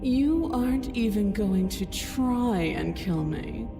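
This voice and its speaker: A woman voicing a towering giant princess in a game, her booming voice magically amplified, speaking in an imperious, condescending way. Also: expressive, slow pace. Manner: imperious, purring, talks down to the listener. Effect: booming, magically amplified voice with a long echo. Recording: long hall reverb from game audio. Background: game music.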